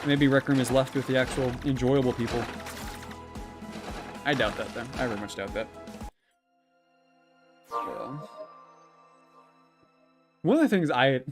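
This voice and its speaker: Rambling man chatting on a game stream. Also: mid-range voice. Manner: rambling, chuckles often, many fillers and restarts. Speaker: livestreamer. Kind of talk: casual livestream chat while gaming.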